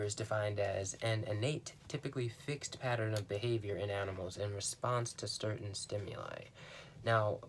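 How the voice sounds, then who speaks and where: Young man, lowish voice, musing aloud with lots of ums, faint noise behind. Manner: rambling, thoughtful, many fillers and restarts. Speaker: podcast host. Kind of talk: casual explanatory monologue.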